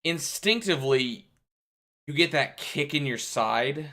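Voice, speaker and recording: A young man narrating as game master of a tabletop game, talking in a halting way with many fillers. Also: a little high, expressive, bright, forceful tone.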